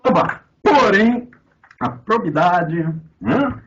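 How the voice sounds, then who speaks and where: Commenting on a text in lecture, a Brazilian man with a Minas Gerais accent teaches philosophy with sarcasm and profanity, his loud eruptions giving way to muttered asides. He speaks slowly with lively intonation in a voice that sits high, and the audio sounds dull.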